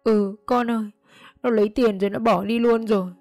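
A woman's voice: medium pitch, normal speed, darkish tone, dry recording, soft background music, close to an everyday voice. A woman voicing a grief-stricken elderly village woman who talks through tears in a quavering voice. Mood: tearful. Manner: tearful, quavering, pleading.

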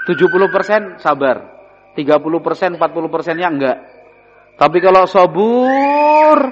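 A man teaching an Islamic study lesson, explaining Arabic words and asking his listeners questions. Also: a little high. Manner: explains Arabic terms, asks the audience questions; sprinkles in Javanese. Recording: dull recording in a hall.

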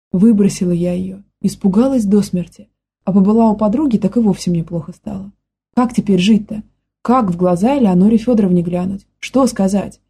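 A woman's voice: mid-range voice, mellow, slightly rough. A woman reading the part of a frightened young nanny who speaks in a simple, folksy way. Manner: plain folksy talk, quick to panic.

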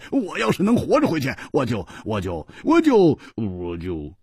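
A male storyteller voicing a boisterous, hot-tempered swordsman who shouts and laughs in a high, strained voice. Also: big pitch swings, takes it slowly, slightly rough, no room sound, clean studio sound, exaggerated voice. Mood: laughing.

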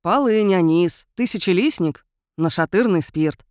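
A woman reading an audiobook, voicing a gruff male investigator who speaks in a grumbling, curt way. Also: high voice, expressive, unhurried, no echo, clean studio sound.

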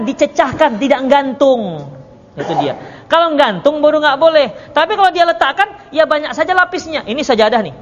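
A man's voice: very high voice, fairly bright tone. A man teaching a religious study circle, answering written questions, teasing his audience and acting out little dialogues. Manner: acts out quoted dialogue. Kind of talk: religious lecture with Q&A. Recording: dull lo-fi audio with long reverb and faint noise.

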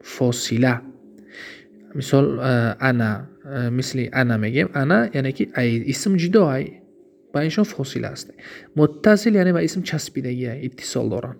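A man's voice: mid-range voice, animated, vocal fry. Man, Tajik accent, grammar teacher, recorded lesson, reads examples and translates them, answers his own questions. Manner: explains slowly, asks himself questions and answers them; reads Arabic examples, then translates each one.

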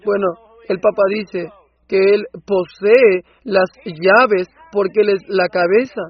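High husky male preacher voice. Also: steady tone, takes it slowly, muffled recording. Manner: impassioned, rising to loud outbursts. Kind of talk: Spanish voice-over of a sermon.

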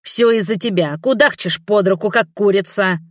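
A cranky, lecherous old male appraiser, voiced by a woman reading a fantasy audiobook. He grumbles and snaps in a slow, testy drawl. The sound is close and dry. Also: mid-range voice, expressive, fairly bright tone, no room sound, close to an everyday voice. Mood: grumbling.

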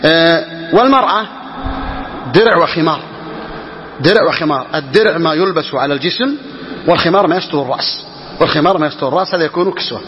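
A man teaching Islamic law to a class, reading lines slowly and repeating key phrases as he explains. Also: fairly high pitch. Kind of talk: classroom lesson explaining a legal text. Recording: dull lo-fi recording with hall reverb.

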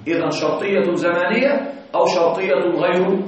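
A man teaching an Arabic grammar lesson, repeating examples slowly, checking that his students follow, and chanting quoted verses in a recitation tone. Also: high voice, steady tone. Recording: very echoey room, distant mic, dull sound.

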